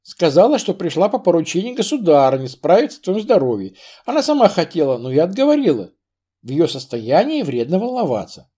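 A man's voice: high voice, sing-song, brisk, dark tone, breathy edge, voice pushed up, full character voice. A man voicing a chattering, jealous young lady-in-waiting. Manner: coaxing, chattering. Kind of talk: audiobook character reading.

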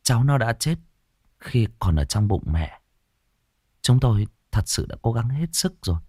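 A man voicing a calm female doctor who speaks gently and gravely. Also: medium pitch, dry recording, studio quality. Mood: solemn. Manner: gentle, measured.

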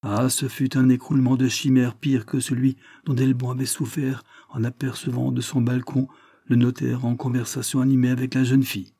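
A man's voice: medium pitch, warm tone, husky, no echo, clean studio sound. A man reading a novel aloud with theatrical, emphatic phrasing. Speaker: audiobook reader. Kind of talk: expressive novel narration.

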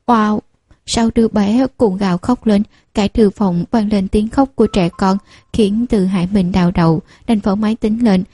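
Husky, dark-voiced woman narrating. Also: mid-range voice, no echo. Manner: steady, even storytelling. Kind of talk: audiobook narration of a novel.

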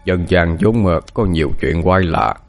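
An actor playing a lame old beggar man who speaks in a slow, grave, foreboding way in an audiobook. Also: deep voice. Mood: ominous. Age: older.

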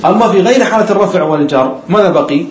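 Male sheikh, grammar lesson, slightly high voice, echoey room. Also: expressive, racing. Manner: explains step by step, asks the class questions and repeats key words. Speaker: sheikh teaching Arabic grammar.

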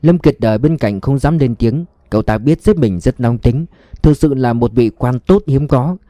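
A man narrating a detective audiobook in a measured storytelling manner, recorded close on a studio mic. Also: medium pitch, mellow, no echo.

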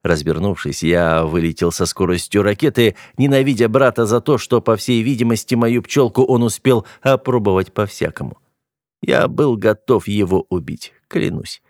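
A man's voice: fairly low pitch, a little mellow, dry recording, clean studio sound. A man reading a first-person audiobook with dramatic, tense delivery. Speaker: audiobook narrator.

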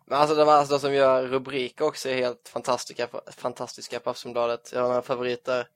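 A man's voice: medium pitch, completely flat delivery, no echo. A man co-hosting a podcast in casual chat, amused and mocking, laughing easily. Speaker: podcast co-host.

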